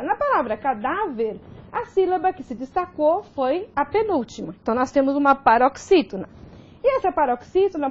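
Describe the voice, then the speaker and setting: High lively woman teaching grammar. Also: muffled recording. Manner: explanatory, checks in with frequent "ok?" and "né?". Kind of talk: recorded video lesson.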